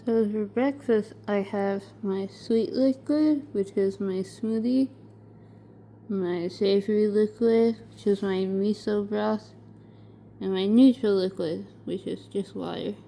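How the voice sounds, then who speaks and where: A woman's voice: medium pitch, steady tone, slow, warm tone, slight background noise. A woman talking casually in a video diary with a stuffy nose and a stiff, swollen, barely opening jaw, sore after surgery. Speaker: vlogger recording a surgery recovery diary.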